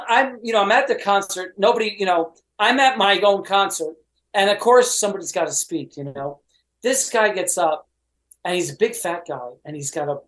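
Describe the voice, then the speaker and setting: A man telling stories as a podcast guest, animated and chatty. He fills his talk with "you know" and acts out the quoted voices of others as he goes. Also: high-pitched, poor audio.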